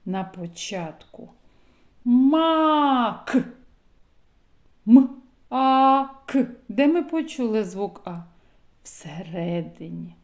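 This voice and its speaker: A woman's voice: medium pitch, big pitch swings, slow pace. A woman teaching a phonics lesson to small children, talking in a sing-song way and drawing out her vowels. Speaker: preschool teacher.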